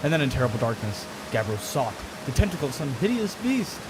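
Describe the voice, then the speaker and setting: A man voicing a friendly alien villager in a video game, telling a campfire tale with dramatic pauses. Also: mid-range voice, big pitch swings, noisy background, close to an everyday voice. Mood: storytelling.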